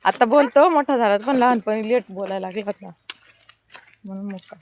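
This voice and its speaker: A woman's voice: mid-range voice, a little fast, a little hiss or hum. Chatty woman on a farm. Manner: chatty, matter-of-fact, talks to her child while walking. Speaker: vlogger, farm mother. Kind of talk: casual vlog narration. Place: outdoors on a farm.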